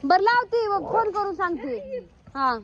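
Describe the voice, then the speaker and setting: A woman's voice: very high-pitched, animated, a little slow, lo-fi sound, crowd noise. A young woman with a rural Marathi accent, chatting as she films her farm vlog outdoors on a handheld phone, calling out to animals and family. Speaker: vlogger.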